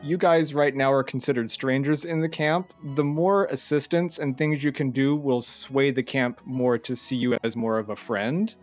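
A man's voice: medium pitch, fairly even intonation, normal speed, few pauses. Guy running a tabletop game, easygoing explainer, little bit of music behind. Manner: explains rules plainly, with fillers. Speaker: game master.

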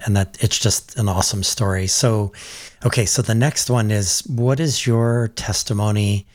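A man with a fairly low voice hosts a podcast interview. He asks long, careful questions and explains things to his listeners in a measured, patient way. The recording is dry and close. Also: steady tone, no room sound. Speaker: podcast host. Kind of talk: interview hosting.

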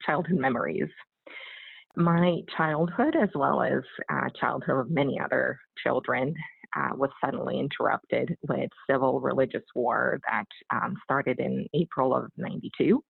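A woman with a Bosnian accent tells her life story as a podcast guest, her voice heavily creaky and husky. She speaks earnestly and haltingly, repeating small words as she goes. The sound is thin and narrow, like a phone call. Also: very deep voice, no echo. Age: 30s or 40s. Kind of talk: personal storytelling in an interview. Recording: muffled narrow phone-like line.

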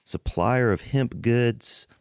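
A man's voice: medium pitch, slow, clean tone, no room sound, clean studio sound. A man hosting a podcast, giving a casual, rambling introduction monologue with emphatic repetition. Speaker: podcast host.

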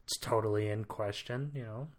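A man's voice: fairly low pitch, steady tone, normal speed. A man co-hosting a podcast, talking casually with a wry, curmudgeonly edge. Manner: wry, self-described curmudgeon. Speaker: podcast co-host. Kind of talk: casual chat.

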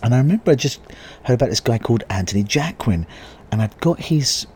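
A man hosting a podcast in a casual monologue, his voice husky and giving out as he speaks. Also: mid-range voice, expressive, a little fast, darkish tone, slight background noise. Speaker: podcast host.

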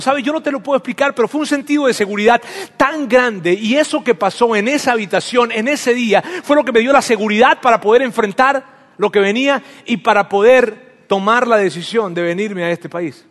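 A man with a high, light voice preaches a sermon woven from his own life story. He speaks to each listener directly and intimately, as though in conversation. His words ring out with a long echo in a large church hall. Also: fairly bright tone. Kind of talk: sermon with personal testimony.

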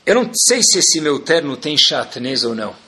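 A man with a Brazilian Portuguese accent teaching a Torah class in an animated way, full of rhetorical questions and jokes for his audience. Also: on the high side, normal speed. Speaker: religious teacher.

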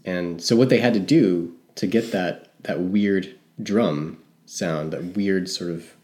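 This man's voice sits low and has a darkish tone. He co-hosts a casual music talk show on a podcast, rambling, hedging, and correcting himself as he goes.

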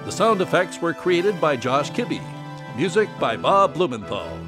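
A man's voice: fairly high pitch, big pitch swings, measured pace. A man playing the announcer of an old-time radio mystery drama, with a theatrical, sweeping delivery. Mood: grand. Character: booming male announcer of a vintage radio mystery show. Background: loud theme music.

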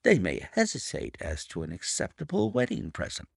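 A man performs a silky, middle-aged blackmailer who purrs his threats with false pity. The voice sits noticeably higher and glides through big rises and falls at an unhurried pace. A gravelly edge runs under the oily charm, recorded dry and close. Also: huge pitch swings, dry recording, heavily acted. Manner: oily, unctuous, mock-sympathetic. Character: smug, purring male blackmailer, middle-aged. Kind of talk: audiobook character reading.

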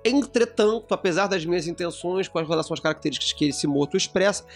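A man's voice: high voice, fast, soft background music. A man co-hosting a casual podcast discussion, explaining at length with frequent restarts. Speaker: podcast co-host.

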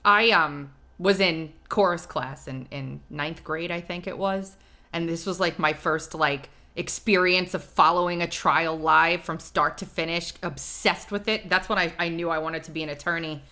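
A woman's voice: lowish voice, normal speed, sharp tone. A woman in her forties co-hosting a casual chat in an open, chatty way. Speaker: co-host.

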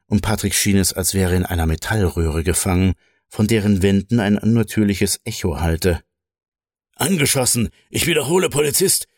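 Low-voiced man reading a story. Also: darkish tone, no echo, clean studio sound. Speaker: narrator. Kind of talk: reading a short story aloud.

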